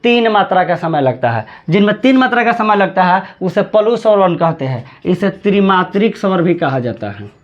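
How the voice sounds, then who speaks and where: A man teaching a grammar lesson, repeating words slowly and drawing out chanted examples. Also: sits high, big pitch swings, lo-fi sound.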